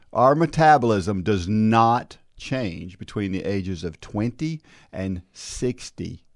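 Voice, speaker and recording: With a lowish voice captured in a dry, studio-quality recording, this male podcast host keeps things casual and friendly. He encourages his guests, often starts his sentences over, and tacks "right?" onto the end of them.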